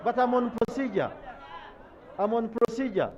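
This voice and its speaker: High, animated Ugandan man arguing in parliament. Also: moderate pace, breathy edge, some chatter behind. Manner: insistent, argumentative. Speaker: member of parliament. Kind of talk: parliamentary debate speech. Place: large parliament chamber. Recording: dull live stream, voices in chamber.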